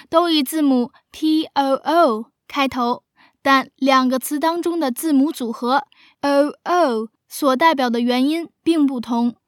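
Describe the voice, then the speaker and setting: A woman host giving a scripted radio lesson, explaining clearly and slowing down for examples. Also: high-pitched, no room sound, studio quality. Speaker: English teacher and host.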